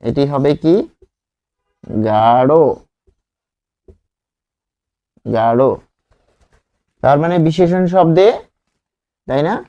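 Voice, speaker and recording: A man teaching an exam-prep grammar lesson, speaking slowly, repeating example words and asking the class questions. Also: fairly high pitch, dull audio.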